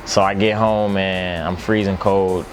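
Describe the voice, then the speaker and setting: A young man from Maryland speaks steadily and earnestly, and he often repeats himself. His voice is low. Faint music plays underneath. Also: fairly even intonation, unhurried. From Maryland, USA. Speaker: quarterback. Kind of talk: casual interview talk.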